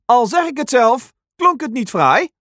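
A woman's voice: a little high, very animated, a little slow, a bit bright, dry recording, clean studio sound, pitched above the performer's own voice, exaggerated voice. A woman voicing a squawking, self-mocking parrot in a storybook reading. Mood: sheepish.

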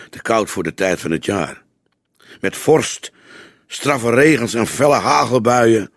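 A man narrating a crime novel as an audiobook reader, in measured storytelling style. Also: on the low side, no echo, clean studio sound. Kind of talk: scripted narration.

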